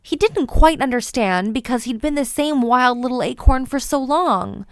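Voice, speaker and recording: Expressive, with playful and dramatic emphasis, a woman presents a children's storybook read-aloud. Her voice sits high at a moderate pace, recorded with studio quality and no echo.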